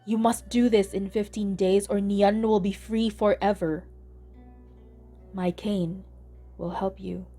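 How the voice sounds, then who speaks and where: A woman narrator voicing a solemn magical warrior who gives commands in a calm, measured way. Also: medium pitch, soft background music.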